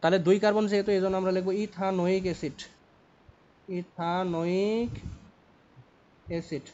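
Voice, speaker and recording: A young chemistry tutor lectures at a whiteboard in a high, steady voice with a dark tone, racing through the material. He repeats points and checks in with tag questions. The recording sounds dull and lo-fi.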